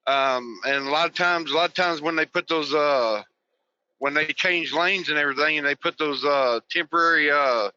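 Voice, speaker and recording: A man's voice: on the high side, normal speed, sharp tone, smooth. A man joining a live talk show remotely, rambling and restarting his phrases in casual chat. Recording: muffled remote call audio.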